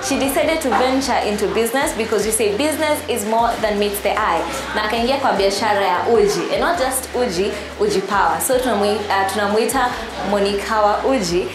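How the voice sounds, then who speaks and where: A woman's voice: medium pitch, brisk, hardly any pauses. A woman with a Kenyan accent hosting a casual interview, switching between languages as she talks. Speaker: show host and interviewer. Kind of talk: casual interview, mixing English and Swahili. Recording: echoey room, music behind.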